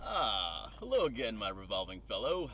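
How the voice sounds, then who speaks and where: An actor playing a pompous, boastful, snobbish rich tycoon in a video game. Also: male voice, on the low side, huge pitch swings, moderate pace, pushed and bright, slight background noise, heavily acted. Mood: pompous, impatient. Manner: pompous, posh, boastful rich-guy delivery. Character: pompous, snobbish rich tycoon Maximilian, self-satisfied and callous. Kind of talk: video game character acting.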